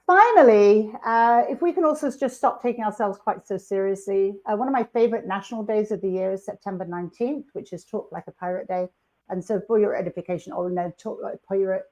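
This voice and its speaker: Woman, webinar presenter, chatty, upbeat, lots of ums and restarts, mid-pitched voice, video call mic. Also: fairly quick, darkish tone. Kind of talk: live online workshop presentation.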